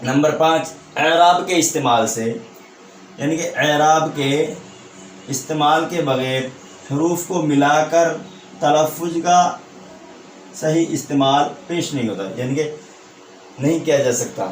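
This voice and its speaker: Male teacher, slightly high voice, lecture style that quizzes and restates each point, roomy distant recording. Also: long pauses, a little hiss or hum. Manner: repeats each point as a question and answers it; checks understanding with a tag question. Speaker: Urdu teacher. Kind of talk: online exam-prep lecture. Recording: echoey room, voice from a distance.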